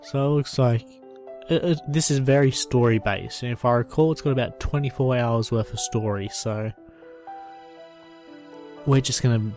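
A man's voice: mid-range voice, normal speed, darkish tone, soft background music. Man rambling through gameplay commentary. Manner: rambling, reads on-screen text aloud. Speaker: gameplay reviewer.

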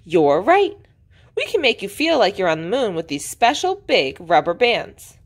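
A woman's voice: medium pitch, very animated, unhurried. Woman reading as a rabbit tour guide. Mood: eager. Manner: eager guide quizzing children. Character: friendly rabbit man, museum tour guide.

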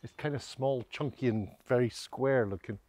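With no room sound on the audio, a middle-aged walking guide and vlogger chats casually to a handheld camera at arm's length as he wanders village streets and country lanes. His medium-pitched, darkish voice keeps a moderate pace, wry and self-deprecating with hesitant asides.

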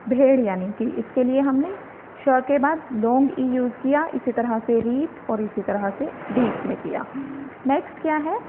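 A woman teaching a phonetics lesson, explaining step by step and asking and answering her own questions. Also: sits high. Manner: mixes English words into her talk. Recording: tinny phone-quality audio with faint noise.

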